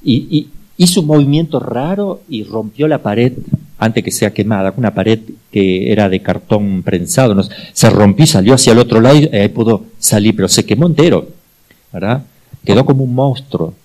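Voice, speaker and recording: Middle-aged argentine priest telling stories in a talk, warm low-toned voice, keeps asking ¿verdad?. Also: male voice, normal speed, rough recording. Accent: Argentine Spanish. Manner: lively storyteller, tag questions, repeats himself for emphasis. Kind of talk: teaching talk with personal anecdotes.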